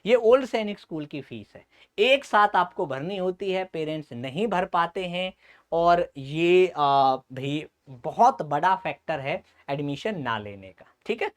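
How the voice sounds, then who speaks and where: A man teaching as a coaching instructor, explaining at length, often checking in with the listener and pausing with "uh". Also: high-pitched. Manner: keeps checking in with "okay", frequent "uh" pauses. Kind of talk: explanatory lecture to students.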